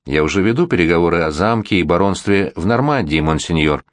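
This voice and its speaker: A man's voice: low-pitched, lively intonation, brisk, dry recording. A man voicing a rich middle-aged merchant who speaks deferentially to royalty.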